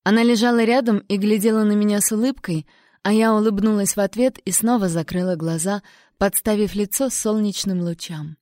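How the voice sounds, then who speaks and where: A woman calmly narrating a first-person audiobook in a measured storytelling manner. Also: medium pitch, no room sound, studio quality.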